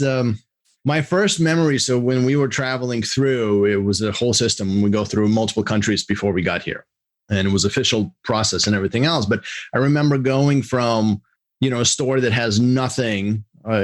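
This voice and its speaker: Raised in Russia, this middle-aged man appears on a podcast as an executive coach. His replies come in a casual, halting way punctuated by animated bursts, and his voice sits on the low side.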